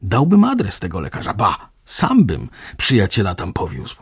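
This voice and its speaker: A man voicing an older village painter who talks loudly and insistently in a read-aloud story. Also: on the low side, huge pitch swings, normal speed, husky, no room sound, clean studio sound, full character voice. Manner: loud, insistent, emphatic. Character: hearty older male village painter, forceful.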